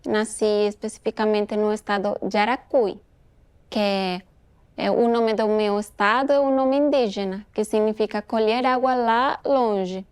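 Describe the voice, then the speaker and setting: A woman's voice: medium pitch, steady tone, a little slow, clean tone, no room sound. A woman in her twenties from Venezuela, a native Spanish speaker, introducing herself in a museum testimony. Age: 20s. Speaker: interviewee.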